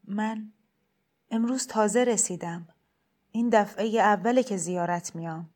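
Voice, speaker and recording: A woman voicing a timid, lonely, desperate pilgrim woman in a storybook reading, speaking quietly and hesitantly. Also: medium pitch, close to an everyday voice. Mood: forlorn.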